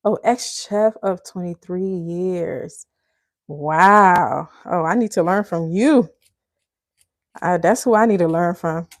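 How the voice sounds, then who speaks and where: A cooking channel host from Liberia talks slowly in a lowish voice during her live stream, casually addressing viewers as y'all and laughing often. The sound is clean studio quality with no echo.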